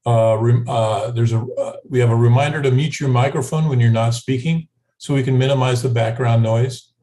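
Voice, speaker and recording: A man co-hosts a group video call and runs through announcements in a laid-back way, pausing with fillers as he goes. His voice sits at an everyday middle pitch for a man. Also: poor audio. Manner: relaxed, many filler pauses. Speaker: co-host. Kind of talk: reading house rules, casual.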